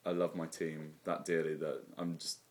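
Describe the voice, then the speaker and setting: A laid-back man co-hosting a casual football chat, often pausing with ums while giving his predictions. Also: very deep voice, monotone. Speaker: podcast co-host.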